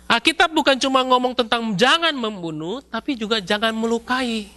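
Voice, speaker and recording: A male pastor, preaching a sermon in a lively, storytelling way with casual slang. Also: extremely high pitch, normal speed. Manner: lively storytelling, acts out scenes with shouts and mock voices; casual colloquial Jakarta-style slang mixed in.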